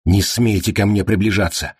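A man voicing a quiet, defiant young woman. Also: fairly even intonation, moderate pace, slightly rough, no room sound, studio quality. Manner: quiet, low-spoken.

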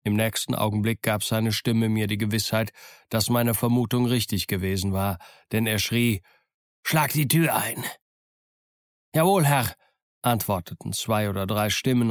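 A man narrating an audiobook in a steady, measured storytelling voice. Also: on the low side, no room sound, studio quality. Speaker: audiobook reader. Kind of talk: scripted first-person narration.

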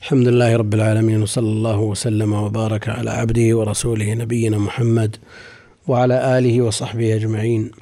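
A man explaining hadith in a slow scholarly lecture, measured and careful, lingering over word forms and quoting commentaries. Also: lowish voice, flat delivery, warm tone.

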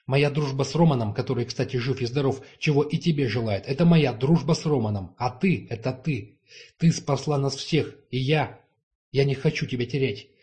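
A man's voice: mid-range voice, moderate pace, a little mellow, close to an everyday voice. A man reading the lines of a passionate young duke in an audiobook, heated and insistent.

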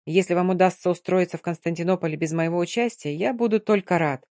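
A woman's voice: lowish voice, fast talker, a little mellow, dry recording, clean studio sound, natural voice. A woman voicing an officer in love who speaks insistently and presses for an answer. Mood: pleading. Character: earnest officer in love, man.

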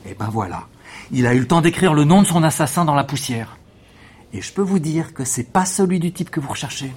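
A man's voice: on the high side, animated, fairly quick, a little mellow, husky. An actor playing an eager male witness who insists on explaining everything at length.

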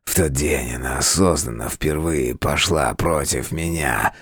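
A crippled demon king, as a narrator puts him on, a broken and hateful creature who drags out his words in a slow, bitter hiss. His voice sits very low and dark, then cracks into frantic, straining cries. It is recorded dry and close, with no room around it. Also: slightly rough, no echo, heavily acted. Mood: bitter, hollow. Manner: slow, bitter hissing, swinging between hollow mutters and raving cries. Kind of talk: audiobook character voice.

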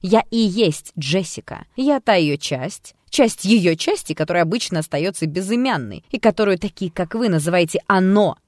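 An audiobook reader voicing a mocking, unhinged female alter ego who talks in a hoarse, hissing, capricious way. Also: medium pitch, animated, normal speed, few pauses, no room sound, studio quality, voice pushed up, close to an everyday voice. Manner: taunting, capricious, cheeky. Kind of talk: audiobook character voice.

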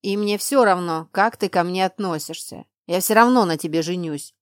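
A gruff young dragon man, as a woman reading a storybook puts him on, pitched lower and slowed down. He grumbles his lines bluntly and stubbornly. The recording is dry and close. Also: no room sound, lightly acted.

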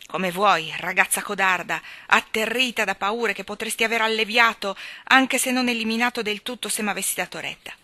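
Defiant young woman, a woman reading her part, scornful tone, bright voice. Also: medium pitch, moderate pace, hardly any pauses, no room sound, natural voice. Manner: scornful, challenging. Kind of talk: audiobook character reading.

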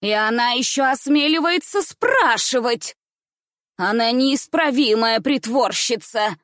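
A woman voicing a furious, shrill middle-aged governess who screeches accusations, in a dry recording. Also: expressive, measured pace, a bit bright, no room sound. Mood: shrieking.

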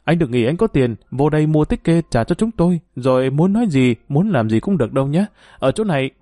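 A man voicing a brash, quick-tempered young woman who scolds and pleads with a friend. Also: medium pitch, animated, darkish tone, no room sound, studio quality, faint music behind, close to an everyday voice. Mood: angry.

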